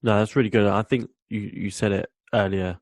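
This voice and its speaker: A man's voice: on the low side, steady tone, brisk, a little mellow, dry recording. A man hosting a podcast, chatting loosely and affirming his guest, with lots of fillers. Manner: affirming and loose, many fillers like "kinda" and "you know". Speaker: podcast host. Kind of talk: casual conversational interview.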